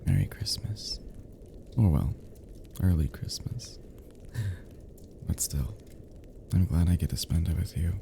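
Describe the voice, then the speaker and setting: In a tender, soothing romantic roleplay, a low-voiced man whispers as an affectionate, flirty close friend, his delivery heavily acted. He murmurs softly and teasingly, breathy, with hushed pauses.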